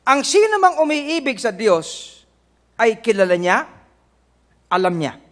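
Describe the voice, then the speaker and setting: Filipino male pastor, middle-aged, high and lively delivery, preaching and calling out to the congregation. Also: unhurried. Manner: preaching in Tagalog mixed with English, quoting scripture; calls on the congregation with "Amen?" and "Correct?". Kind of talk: sermon.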